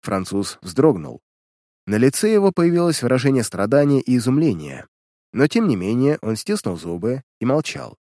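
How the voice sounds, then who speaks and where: Animated male audiobook narrator. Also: medium pitch, moderate pace, no echo, clean studio sound. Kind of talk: audiobook reading of a pulp detective story.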